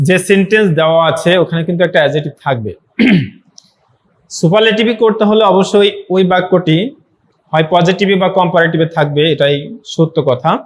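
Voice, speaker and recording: A male English teacher giving an online grammar lesson, repeating words slowly for students and adding encouraging asides. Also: sits high.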